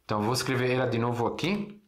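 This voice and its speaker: A man's voice: mid-range voice, quick pace, a little hiss or hum. Male language teacher from Syria, mid-range voice, patient and repetitive, recorded in an echoey room. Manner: patient, repeats words and checks in with "né?". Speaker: Arabic teacher. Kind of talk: casual language lesson. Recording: roomy echo.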